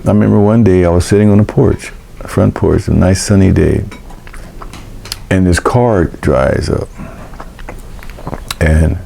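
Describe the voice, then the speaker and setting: An older man hosting a vlog, telling a personal story in a halting, emotional way with many restarts. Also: low-pitched, gravelly, mellow, a little hiss or hum. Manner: halting, repeats words and restarts; emotional recollection. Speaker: vlog host.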